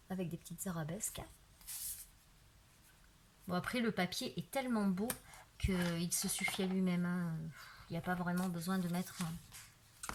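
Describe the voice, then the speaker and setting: Chatty French crafter woman, low voice. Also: background noise. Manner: chatty, frequent "voilà" and "euh" fillers. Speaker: craft video maker. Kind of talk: casual craft show-and-tell. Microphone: camera on a tripod.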